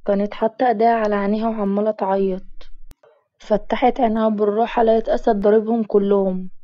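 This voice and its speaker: A woman with an Egyptian accent narrating a scripted story in a calm, even manner. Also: mid-range voice, fast, no room sound, dull audio.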